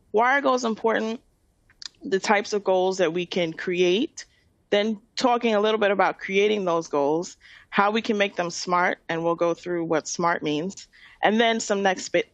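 A woman's voice: lowish voice, no room sound. A middle-aged woman with a New York accent presents to an online audience. She explains things step by step in an informal webinar style, often checking in as she goes. The sound is dry and close, with very little room. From Queens, New York City, USA. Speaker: webinar presenter, nonprofit finance director.

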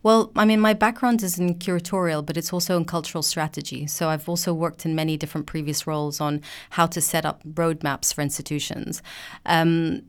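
A woman from Palestine in her forties, a museum director speaking as an interview guest in a measured, articulate way with frequent hedges. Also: deep voice, fairly even intonation, clean tone.

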